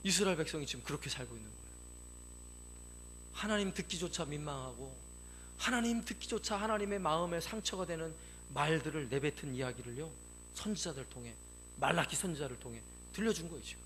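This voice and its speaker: A male pastor giving an animated sermon in a church, asking the congregation questions and acting out quotes. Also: a little high, quick pace, slight background noise.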